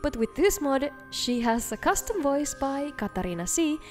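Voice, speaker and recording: A woman narrates a video game showcase in a high-pitched voice. She reads from a script as the host, with soft music playing faintly underneath. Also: very animated, moderate pace. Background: faint background music.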